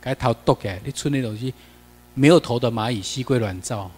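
A Taiwanese-accented man lectures a class over slides and keeps peppering them with questions. His voice sits at a middling pitch. The long reverb of the lecture room trails behind every phrase. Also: fairly quick, darkish tone, slightly rough. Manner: chatty, mixes in Taiwanese Hokkien, asks the class questions.

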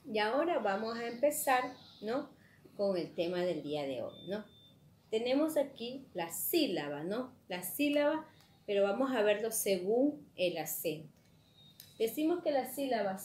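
Slow, patient woman teacher. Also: fairly high pitch, a little mellow, slight background noise. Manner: slow and patient, frequent tag questions, opens with prayer. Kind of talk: classroom lesson. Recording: echoey room, faint ambience.

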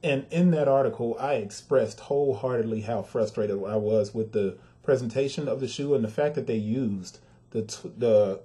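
Frustrated man reviewing sneakers, mellow voice. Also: mid-range voice. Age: adult with a son. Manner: frustrated, emphatic, talks to viewers directly. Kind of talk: casual video review.

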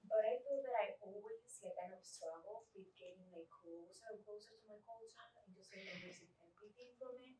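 A woman's voice: mid-range voice, a little fast, hardly any pauses, background noise. A young woman from the Dominican Republic, a student, asking the speaker an earnest question from the audience, with frequent fillers. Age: young adult. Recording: echoey room recorded from far off.

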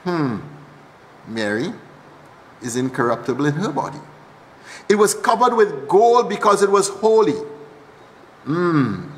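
Trinidadian archbishop preaching in echoing church. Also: male voice, high-pitched, very animated, a little fast. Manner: teaching, repeats key lines for emphasis. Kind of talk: sermon.

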